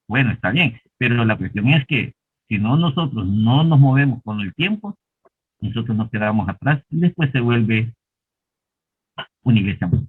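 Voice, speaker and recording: A man with a husky voice earnestly shares a personal story in a church class. His voice sounds thin and tinny, like a phone line. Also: mid-range voice. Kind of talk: personal testimony in a class discussion.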